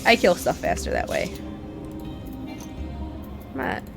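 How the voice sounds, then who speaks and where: A woman's voice: slow, music in the background. A woman doing casual gameplay commentary while sick with a congested chest, blunt and grumbling, with casual swearing. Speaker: game streamer.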